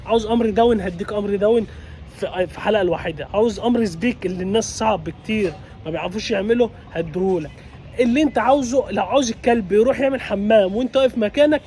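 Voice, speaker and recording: A man's voice: high voice, darkish tone, slight background noise. A man with an Egyptian Arabic accent, a dog trainer vlogging and giving his dog short, repeated commands.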